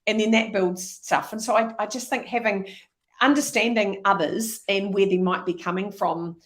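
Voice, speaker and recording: A middle-aged woman, an energetic leadership speaker talking as an interview guest. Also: mid-range voice, moderate pace. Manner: energetic, animated storytelling. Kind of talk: conversational interview.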